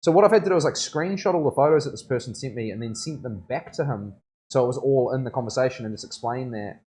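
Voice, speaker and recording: A man with a broad Kiwi accent and a mid-pitched voice talks to his livestream viewers. He is a tattoo artist chatting in a loose, slangy way, often looking for agreement as he goes. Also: quick pace, a little mellow. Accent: broad New Zealand. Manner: laid-back slangy speech, often seeking agreement. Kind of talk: casual livestream chat.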